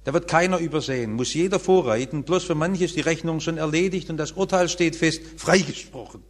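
A man preaching a sermon as pastor, emphatic, with wide swings between high raised phrases and low quiet ones. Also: brisk. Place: church. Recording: church hall reverb.

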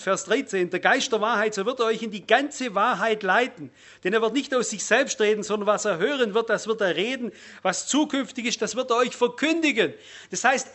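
A man preaching a sermon on scripture, earnest and emphatic, dropping to a low murmur and then stressing words loudly.

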